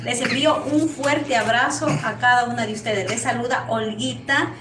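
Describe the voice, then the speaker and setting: High-voiced Ecuadorian woman teaching sewing. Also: steady tone, normal speed. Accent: Ecuadorian Spanish. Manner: warm blessings and greetings, frequent "¿sí?" check-ins. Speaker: sewing instructor. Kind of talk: live-streamed sewing lesson. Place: small sewing workshop indoors. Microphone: lapel mic on a camera set back. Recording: echoey room, distant mic, noisy.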